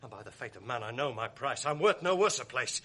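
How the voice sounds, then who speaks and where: An actor playing the scheming ensign Iago in a radio drama, with a sneering, taunting manner. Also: male voice, medium pitch, animated, a little fast. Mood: resentful. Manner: sneering, taunting, bursts into shouts. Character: scheming, sly male ensign Iago, mocking. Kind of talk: 1980s radio drama acting.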